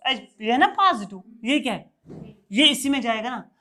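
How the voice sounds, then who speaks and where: A man's voice: extremely high pitch, expressive, moderate pace, bright, forceful tone. A male teacher giving a classroom chemistry lecture, quizzing his students in a call-and-response rhythm and answering his own questions. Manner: repeats key terms in a call-and-response rhythm.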